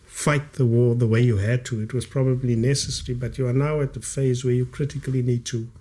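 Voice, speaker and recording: A South African man in his late fifties, a guest author whose first language is Kaaps, speaks reflectively in a podcast studio, drawing out key words for emphasis. His medium-pitched voice is mellow, level and brisk. He's recorded on a studio condenser mic while wearing headphones.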